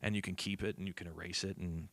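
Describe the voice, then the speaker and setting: Deep gravelly man telling stories. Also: fairly even intonation, fast, fairly bright tone, dry recording. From southern United States. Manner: rambling, many fillers, acts out voices. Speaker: musician guest. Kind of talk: casual storytelling.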